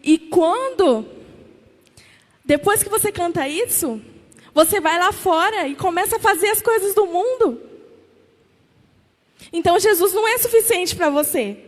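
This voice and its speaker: A woman's voice: extremely high pitch, lively intonation, measured pace, long pauses. A woman with a Brazilian Portuguese accent preaching a sermon, with emphatic, repeated questions to the congregation. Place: church. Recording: long church reverb.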